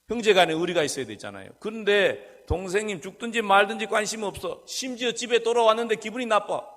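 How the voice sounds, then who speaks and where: A male pastor preaching a sermon, asking his listeners questions and answering them himself. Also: sits high. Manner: rhetorical questions, lively and animated. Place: church sanctuary. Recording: long church hall reverb.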